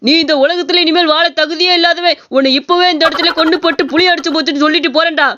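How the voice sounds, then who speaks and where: A woman's voice: extremely high pitch, fairly even intonation, fast, pushed and bright, dull audio. A woman voicing a wailing injured man. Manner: wailing and accusing. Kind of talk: cartoon story voice acting.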